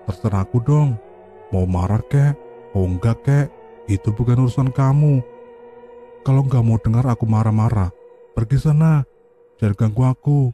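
A man voicing a sharp-tongued female spirit who speaks in a curt, pouting way in a horror story read aloud. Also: medium pitch, normal speed, pauses often, soft background music, natural voice. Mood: snapping.

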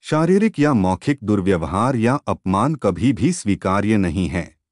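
A man reading a news story as a scripted voice-over in a measured way. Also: fairly low pitch, big pitch swings, a little mellow, no room sound, clean studio sound. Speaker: news narrator.

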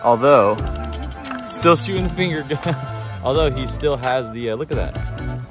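A man's voice: mid-range voice, expressive, unhurried, music in the background. A young man hosting a fishing vlog, chatting casually and saying "bro" and "like" a lot, recorded outdoors on an action camera. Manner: laid-back, says "bro" and "like" a lot. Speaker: vlog host and kayak angler. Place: outdoors at a boat launch and on the water. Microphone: action camera mounted on kayak.

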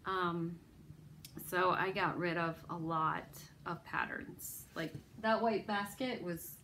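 The host of a needlework video, a woman, chats casually about her stitching projects, rambling and self-deprecating with many ums and restarts. She speaks slowly in a lowish, steady voice with a sharp tone; slight background noise is present.

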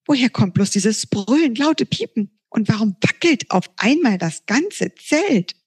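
A woman author reading her children's storybook aloud in a lively, expressive way. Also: fairly high pitch, unhurried, breathy edge.

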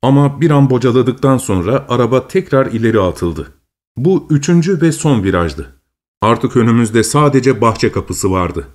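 Man, voice actor, audiobook narration, dramatic, expressive, medium pitch. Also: moderate pace.

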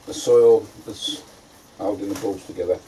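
In a greenhouse, an allotment vlogger casually narrates his gardening work, chatty, homely and plain-spoken. His voice is on the low side, steady in tone and at a moderate pace, with background noise in the recording.

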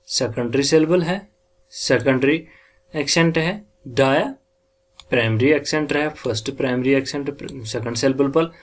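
A man teaching English word stress, sounding out words slowly syllable by syllable and mixing Hindi with English. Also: mid-range voice. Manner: mixes Hindi and English in explanations. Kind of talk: classroom lecture on word stress.

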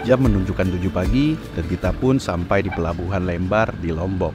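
A man narrating his travel vlog in a calm, reflective scripted voice-over. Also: low-pitched, brisk. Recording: voice-over over loud music.

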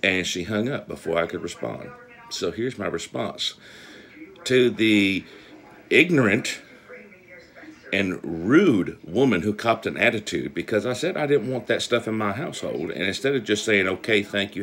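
Telling stories bluntly and folksily, a man talks casually into his phone at arm's length as an amateur video blogger in a small room with a panel ceiling. His voice sits low and sounds a bit bright.

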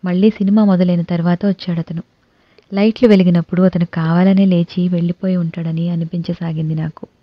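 A woman narrating a novel in the first person, her voice sitting on the lower side. The delivery is lively and expressive. The recording sounds dry and slightly muffled. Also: a little fast, no echo.

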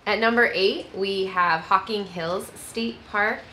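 A woman in her thirties chatting casually as a travel vlogger, seated outdoors beside a camper with a relaxed, friendly manner. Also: mid-range voice, slow, a little hiss or hum. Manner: relaxed, friendly, with easy laughs.

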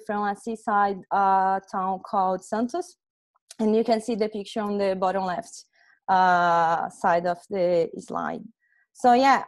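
A young Brazilian woman whose first language is Portuguese speaks with a Brazilian accent at an average pitch. A software testing specialist, she presents informally on a video call from a small room at home, pausing often in a conversational way. She uses an earphone headset.

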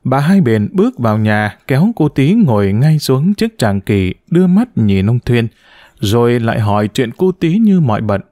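Expressive male audiobook storyteller. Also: mid-range voice, normal speed, no echo, clean studio sound. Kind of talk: dramatic audiobook narration.

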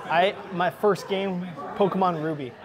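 Animated joking young man, high voice. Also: measured pace, a crowd in the background. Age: young adult. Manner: animated, joking, rambling storyteller. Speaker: friend and co-host. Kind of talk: casual chat. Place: dim brewery taproom, indoors. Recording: music clearly underneath. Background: music playing.

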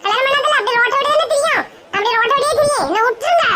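A woman's voice: extremely high pitch, racing, heavy background noise. A woman playing a sulky, self-mocking unmarried young nephew in a comedy skit, whiny and sarcastic, with a Kanyakumari Tamil accent.

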